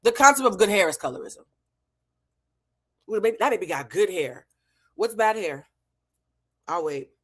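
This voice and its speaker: A medium-pitched woman with a breathy edge talks at a moderate pace with lively intonation and long pauses. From New England, she hosts an online show, teaches emotional intelligence, and delivers an opinionated reality show recap to camera, blunt and profane, repeating points for emphasis.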